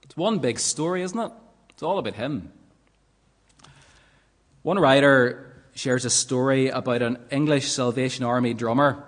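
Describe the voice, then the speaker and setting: A man's voice: medium pitch, unhurried, pauses often. A man preaching a sermon in an earnest, emphatic way, often asking rhetorical questions. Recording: long reverb of a large hall.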